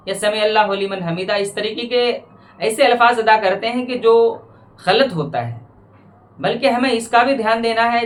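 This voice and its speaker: Measured man teaching prayer pronunciation. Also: high voice, fairly bright tone. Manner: measured, explanatory, repeats phrases slowly to correct pronunciation. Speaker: Islamic religious teacher. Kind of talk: religious lesson on prayer.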